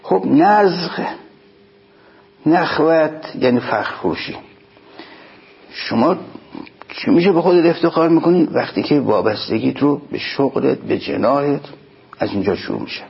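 A man giving a sermon, explaining in plain speech and slowing down to chant quoted lines. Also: medium pitch, vocal fry, breathy edge. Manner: slow chanted quotations, emphatic explanations. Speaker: preacher. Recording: dull lo-fi recording.

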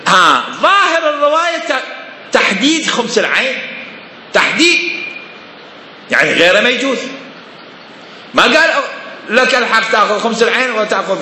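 A man's voice: extremely high pitch, big pitch swings, moderate pace, pauses often, pushed and bright, echoey room, big-room sound, a little hiss or hum. A man giving a seminary lecture on religious law, emphatic and full of rhetorical questions.

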